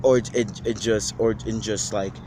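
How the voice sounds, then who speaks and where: A man's voice: on the low side, fairly even intonation, moderate pace, background noise. A man on a casual vlog giving an off-the-cuff rant, slangy and profane, rambling with many restarts. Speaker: vlogger.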